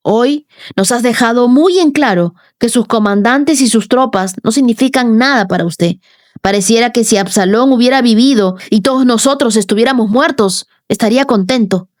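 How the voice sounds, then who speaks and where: A woman's voice: on the high side, no echo, studio quality, natural voice. A woman voicing a stern male army general who reproaches his king firmly.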